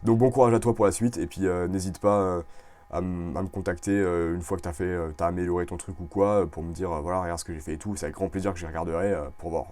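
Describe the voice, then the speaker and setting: Man, low voice, mellow tone, casual screen review, chatty with fillers. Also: quick pace. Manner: chatty, relaxed, many fillers and restarts. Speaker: video creator reviewing clothing brands.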